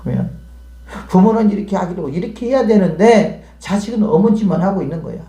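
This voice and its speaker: A man's voice: high-pitched, expressive, fairly quick, dark tone. A man preaching a sermon as pastor, talking conversationally and peppering the congregation with questions. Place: church hall. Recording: echoey church hall.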